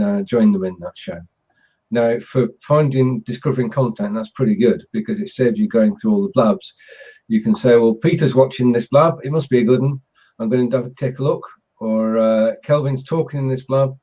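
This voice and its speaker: A man with a dark, mellow voice hosts a casual chat. He talks at an average pitch with halting, measured delivery, over a dull lo-fi call connection. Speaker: host. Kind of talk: casual online chat show hosting. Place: group video call. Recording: dull, lo-fi video call audio.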